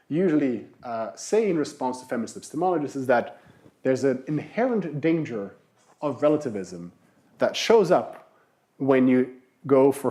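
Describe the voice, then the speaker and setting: A man's voice: medium pitch, dark tone. A man giving a university philosophy lecture, explaining with rhetorical questions and emphatic repetition. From Brazil.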